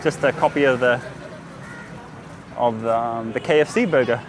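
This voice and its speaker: A man's voice: medium pitch, normal speed. A man giving casual travel vlog commentary as he moves around outdoors. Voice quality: speaks as a foreign visitor. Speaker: travel vlogger. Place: outdoors, busy beachfront and streets. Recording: outdoor street noise, passing vehicles.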